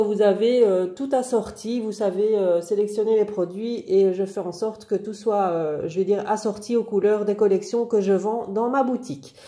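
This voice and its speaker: With a head cold, a woman chats her way through new craft paper collections for her online shop, using plenty of fillers in this casual product showcase. Her voice sits on the high side with a warm tone, and the sound is roomy.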